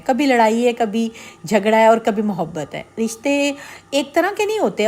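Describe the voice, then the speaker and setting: Middle-aged woman vlogger, earnest and persuasive, talks straight to viewers, voice a touch high. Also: darkish tone. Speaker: vlogger giving marriage advice. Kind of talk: casual advice talk to camera.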